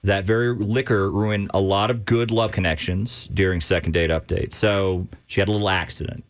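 A man's voice: low-pitched, steady tone, moderate pace. A man hosting a radio call-in segment, playful and teasing, laughing often. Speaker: radio host.

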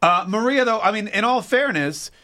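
A man's voice: high voice, animated, moderate pace, bright, forceful tone. A man hosting a morning radio show who is upbeat and teasing, joking as he talks with callers. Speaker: radio host.

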